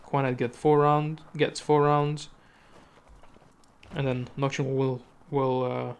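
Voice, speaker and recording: A man casting a live esports match, giving quick play-by-play with chatty asides and self-corrections. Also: mid-range voice, vocal fry, clear, resonant tone, lo-fi sound. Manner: rapid, self-correcting, chatty asides, sudden excited outbursts. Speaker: esports caster.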